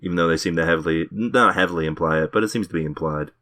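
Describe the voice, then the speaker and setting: A man's voice: deep voice, racing, a bit bright. A man hosting a casual podcast chat, laid-back and hesitant, with frequent filler words. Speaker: podcast host.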